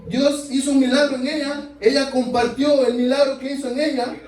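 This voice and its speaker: High-voiced preacher man in echoey church. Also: little pitch movement, fairly quick, darkish tone. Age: adult. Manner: keeps addressing listeners as brothers, asks rhetorical questions. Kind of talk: sermon. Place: church sanctuary. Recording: echoey church, mic far off.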